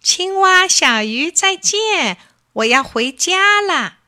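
In a children's storybook reading, a small boy rabbit chirps out his questions in a high, lively voice, full of eager curiosity, as a woman puts him on. His voice leaps up and down as he talks and stays bright. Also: slow, exaggerated voice. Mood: curious.

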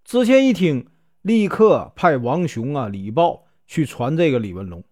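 A man telling a folk tale with a Northeastern Mandarin accent, chatty and full of drawn-out fillers. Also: fairly high pitch, big pitch swings, warm tone. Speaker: storyteller.

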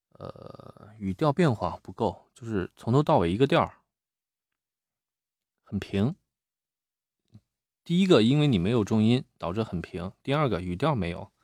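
Low-voiced man coaching reading aloud. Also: darkish tone, no room sound, clean studio sound. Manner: plain-spoken, repeats words while thinking. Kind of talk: live critique of reading aloud.

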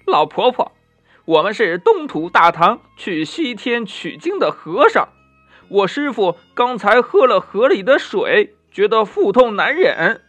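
A man's voice: high voice, very animated, a little slow, fairly bright tone, no room sound, faint music behind, voice pushed up, heavily acted. Sun Wukong, a man voicing a bold monkey hero. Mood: earnest. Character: Monkey King, bold and eager male monkey hero.

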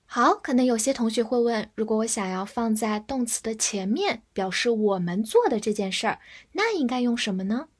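A young woman teaching English vocabulary, speaking clearly and spelling words out letter by letter. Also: a little high, lively intonation, normal speed. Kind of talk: vocabulary lesson.

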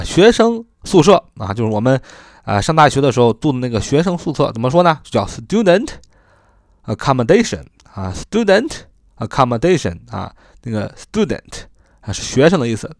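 A man's voice: medium pitch, dry recording, studio quality. A man teaching English vocabulary, repeating each word and spelling it out letter by letter, with rhetorical questions and chatty particles. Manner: sprinkles sentence-end particles, rhetorical questions. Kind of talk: explanatory vocabulary lesson.

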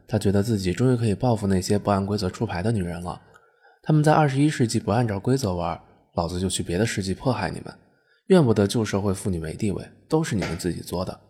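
A man narrates a crude comic story in a mocking, storytelling way. His voice is on the low side and has a husky texture. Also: warm tone.

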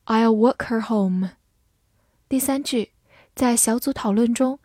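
Slow, mellow woman reciting vocabulary. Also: a little high, husky, no room sound. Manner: repeats each word slowly, even recitation. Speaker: vocabulary teacher. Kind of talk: reading word list with definitions.

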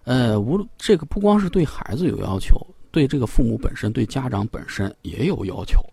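Male parenting expert on a talk show: gravelly, husky voice, animated pitch, loose explanatory delivery. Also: fairly quick, no room sound. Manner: explanatory, with many fillers and repeated phrases.

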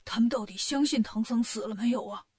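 A woman's voice: fairly high pitch, brisk, a little mellow, natural voice. A woman voicing a bossy, fretful male demon king who grumbles and complains in a storybook tale. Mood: anxious.

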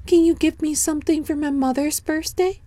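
A woman's voice: steady tone, dark tone, dry recording, lightly acted. A woman voicing a polite, eager young boy in a children's storybook reading. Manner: high, quick, eager asking.

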